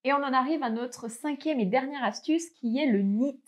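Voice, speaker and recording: A woman's voice: high-pitched, moderate pace. A young woman fitness coach giving casual tips straight to the viewer, chatty and full of fillers. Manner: chatty, many fillers, addresses viewer directly.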